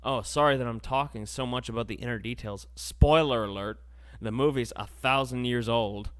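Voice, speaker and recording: A man's voice: medium pitch, moderate pace. A young man hosting a podcast, ranting in a casual, sarcastic, rambling way. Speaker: podcast host. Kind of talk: casual comedic rant.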